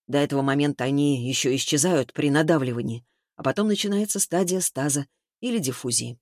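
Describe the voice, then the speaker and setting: A man reading an audiobook, voicing a blunt expert man who explains things in a lowered, matter-of-fact way. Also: fairly quick, a little mellow, no echo, studio quality, natural voice. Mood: explaining. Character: middle-aged man, dry, blunt medical expert. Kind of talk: audiobook character voice.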